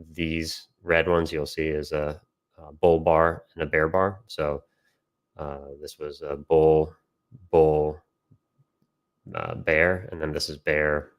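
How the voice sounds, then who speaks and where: In an informal online session, a trading educator and system developer gives instructional commentary on charts and takes audience questions. His voice is extremely low, and he explains step by step in a halting way, often breaking off mid-phrase to find his next words.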